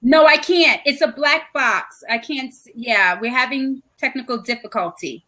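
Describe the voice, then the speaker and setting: High bright-voiced woman on a video call. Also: normal speed. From New York. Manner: chatty, restarts often, coping with connection trouble. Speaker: co-host of a live video chat. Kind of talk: casual live video chat.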